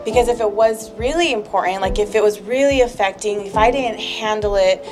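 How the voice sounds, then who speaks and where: A woman in casual conversation with her husband, open and emotional, with plenty of "like" fillers. Her pitch sits in a middle range. Music plays clearly under her voice. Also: brisk. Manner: candid and emotional, heavy use of "like". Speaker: podcast co-host.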